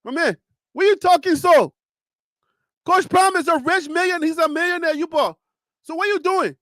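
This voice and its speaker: A Liberian-accented live show host keeps up a casual commentary, teasing, posing rhetorical questions, and arguing with emphasis. His animated voice climbs in pitch whenever he argues, and his pace is moderate. No room sound can be heard.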